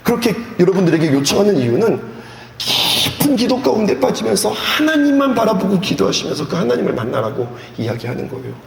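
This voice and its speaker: A male pastor preaching a sermon at a youth retreat in an animated way, asking the audience questions and acting out scenes. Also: high voice, brisk, creaky. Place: church hall. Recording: echoey hall with faint background noise.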